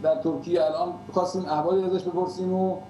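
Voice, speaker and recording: A male cleric hosting a live call-in show, calm, soothing and teasing toward a caller. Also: high voice, reverberant, rough recording. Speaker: cleric talk show host.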